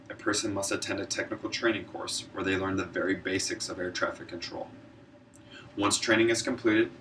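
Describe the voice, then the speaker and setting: Earnest and prepared, this military air traffic controller delivers an informative speech as a student speaker, stumbling now and then. His fairly low voice has a fairly bright edge, recorded from afar in a noisy room.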